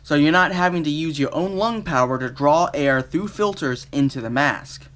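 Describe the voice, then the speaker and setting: A man giving a casual, unscripted product review in a halting, think-aloud way. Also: fairly high pitch, animated, fairly bright tone, slight background noise.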